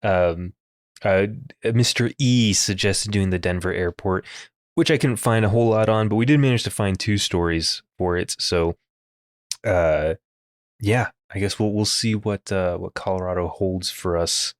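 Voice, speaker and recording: Male co-host, lowish voice, loose and giggly, hesitant delivery. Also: a little slow, no echo, clean studio sound. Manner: laughs often, hesitant with fillers. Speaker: podcast co-host. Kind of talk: casual chat.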